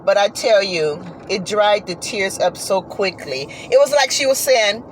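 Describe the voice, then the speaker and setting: A woman's voice: mid-range voice, a little slow, rough recording. A woman telling a heartfelt story about her horse in an earnest, repetitive, folksy way, talking while riding in a car. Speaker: horse owner vlogger. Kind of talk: casual monologue. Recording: steady road noise behind.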